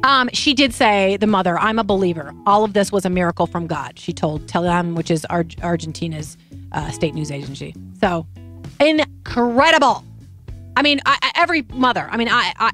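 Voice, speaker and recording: A woman's voice: medium pitch, fast, fairly bright tone, soft background music. A woman hosting a talk show. She chats casually through a news story, tells it with a lot of emotion and often restarts her sentences.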